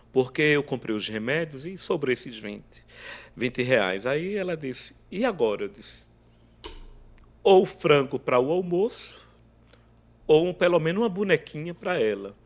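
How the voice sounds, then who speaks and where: A man telling an emotional faith testimony as a podcast guest, acting out every quoted line of dialogue. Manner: animated, acts out quoted dialogue with big swings in pitch and loudness.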